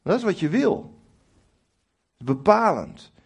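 This middle-aged preacher has a high, gravelly, slightly rough voice and keeps a measured pace. Before a congregation in a church hall, he addresses listeners directly and emphatically, adding humour and acted lines spoken to God in a lively sermon.

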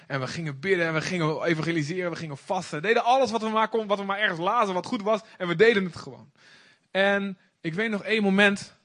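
A man's voice: high-pitched, fairly bright tone. A young man from the Netherlands preaching a sermon with passionate, emphatic repetition. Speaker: pastor.

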